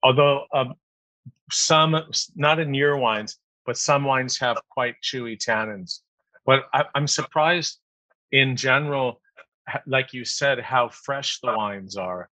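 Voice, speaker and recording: A man hosting a wine tasting interview on a video call, talking in a relaxed conversational way. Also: mid-range voice, slow, no echo, rough recording. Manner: relaxed conversational, short backchannels. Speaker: host, wine critic.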